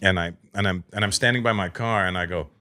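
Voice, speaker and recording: A man in his fifties with a Canadian accent, hosting a podcast and telling a story in a casual, animated way. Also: low-pitched. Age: 50s. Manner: animated, quick storytelling with imitated voices. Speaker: podcast host.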